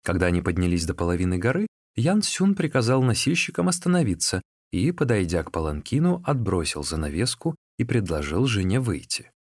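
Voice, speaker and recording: A man's voice: low voice, very animated, fairly quick, hardly any pauses, a little mellow, husky, no room sound, clean studio sound. A man reading a classic novel aloud as narrator, expressively. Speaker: audiobook narrator. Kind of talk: scripted narration.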